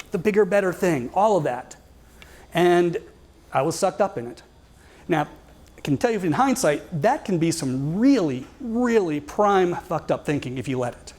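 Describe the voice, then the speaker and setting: A man's voice: high-pitched, a little mellow. A man in his fifties giving a wry, conversational storytelling talk to a live audience and putting questions to the crowd. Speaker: guest speaker.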